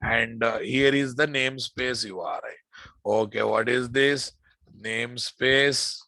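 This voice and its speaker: A man's voice: medium pitch, fairly even intonation, takes it slowly, gravelly, pushed and bright, no room sound. A man with an Indian accent giving an informal programming lecture, repeating phrases and addressing his students familiarly. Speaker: programming instructor. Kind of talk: informal live classroom lecture.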